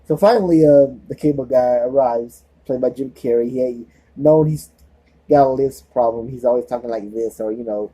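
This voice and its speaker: A man's voice: mid-range voice, moderate pace, mellow, slightly rough, low-quality recording. A man with a lisp giving a casual movie review, rambling and often losing track and starting over.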